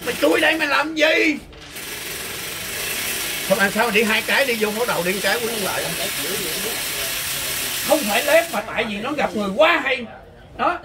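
High-voiced southern Vietnamese man trash-talking. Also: animated, moderate pace, long pauses, noisy background. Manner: teasing, boastful, laughs a lot. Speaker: street chess player. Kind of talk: casual trash-talking banter over a game. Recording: crowd chatter behind.

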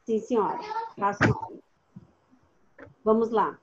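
Patient teacher on a dull call. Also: female voice, medium pitch, slow, background noise. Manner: patient, questioning, calls pupils by name. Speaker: primary school teacher. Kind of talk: online class instruction.

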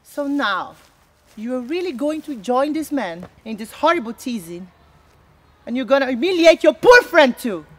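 A woman's voice: high-pitched, big pitch swings, slight background noise. Helena, a wounded jealous young woman. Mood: reproachful. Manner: pleading, reproachful, quick to take offence. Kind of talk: outdoor stage acting. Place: outdoor landscape performance.

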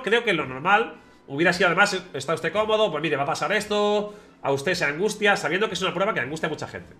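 A man with a bright, high voice tells a personal story to his viewers at a quick clip. He is animated, breaking into imitated noises and voices along the way. Faint music plays behind him. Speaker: vlogger. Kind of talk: casual storytelling to camera.

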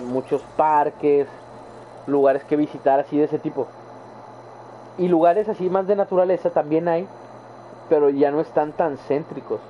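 A young adult man with a northern Mexican accent, chatting casually and rambling in slang to his viewers during a live game stream. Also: fairly high pitch. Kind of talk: casual chat while gaming live. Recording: tinny phone-like sound with faint background noise.

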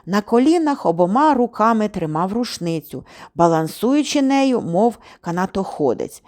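A woman giving an expressive audiobook narration. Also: medium pitch, normal speed. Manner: lively, expressive reading. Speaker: audiobook reader.

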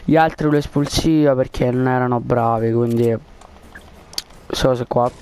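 A man's voice: medium pitch, fairly even intonation, normal speed, a little mellow, a little hiss or hum. A man chatting casually over a game headset, rambling with lots of fillers and coaxing a friend during a prank. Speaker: gaming video creator. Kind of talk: casual gaming chat and prank.

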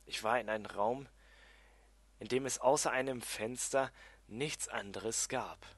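A man's voice: mid-range voice, unhurried, no echo. Man reading a fantasy story aloud. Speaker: amateur audiobook reader.

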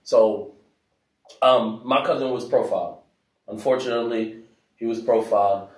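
A man from Africa telling a story in a casual discussion, soft-spoken with many fillers. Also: fairly low pitch, steady tone, moderate pace. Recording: roomy echo, mic at a distance.

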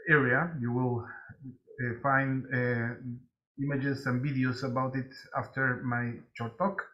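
A man with a Chilean Spanish accent, a native Spanish speaker, giving a conference presentation in English with frequent halting pauses. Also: medium pitch, highs cut off. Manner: halting, many filler pauses.

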